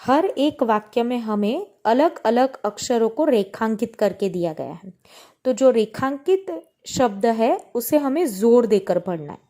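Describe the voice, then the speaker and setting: A woman's voice: on the high side, dark tone. A woman teacher explaining a textbook lesson, patiently reading example sentences aloud with stress on different words. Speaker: Hindi teacher.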